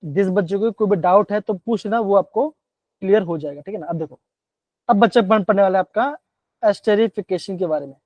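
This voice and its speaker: A man's voice: high-pitched, normal speed, a little mellow, dry recording. Male chem teacher on an online class, keeps asking kids to answer, words, muffled dull stream, dry sound. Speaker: chemistry teacher.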